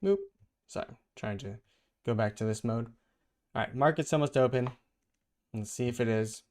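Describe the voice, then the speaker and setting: Man, vlog host, casual, chatty, thinks out loud, medium pitch. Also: normal speed. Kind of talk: casual commentary while reading a comic aloud.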